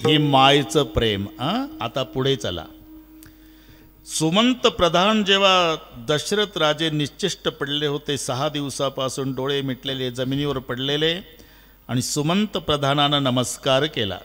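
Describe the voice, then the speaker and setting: Male devotional preacher, unhurried and theatrical, loud refrains and hushed storytelling, reverberant hall with light background music. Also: a little high. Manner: dramatic, swings from loud chanting to hushed narration. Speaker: kirtan preacher. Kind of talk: devotional storytelling sermon with chanting.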